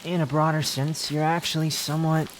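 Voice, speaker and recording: A man playing a sharp-tongued, haughty, youthful-looking immortal wanderer in a roleplay audio drama, speaking in a sardonic, theatrical, teasing way. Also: on the high side, little pitch movement, a little fast, a little hiss or hum, close to an everyday voice. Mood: grudgingly tender. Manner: sardonic, scolding, theatrical delivery with sighs.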